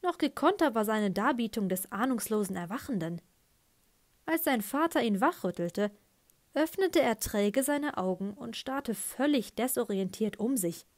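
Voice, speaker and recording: A woman narrating an audiobook in the first person with a lively, expressive reading. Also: a little high, a little slow, no echo. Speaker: audiobook reader.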